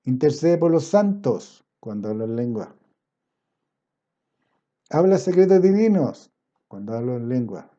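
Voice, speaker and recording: Dark-voiced preacher man, lively pitch. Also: lo-fi sound. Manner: swings between loud emphatic passages and low quiet asides; quotes scripture in a slow, drawn-out cadence. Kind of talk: sermon.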